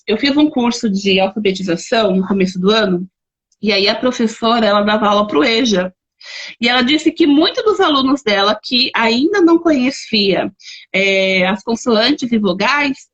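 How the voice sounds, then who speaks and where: A woman's voice: on the high side, dull audio. A woman with a Brazilian Portuguese accent hosting a live-streamed lesson, chatting and reading out viewer comments as she gives examples. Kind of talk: live-streamed teaching talk.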